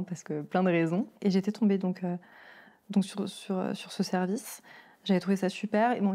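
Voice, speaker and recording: A woman's voice: on the low side, warm tone. A woman hosting a podcast interview, rambling and hesitant with many fillers and small laughs. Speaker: podcast host. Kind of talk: casual interview.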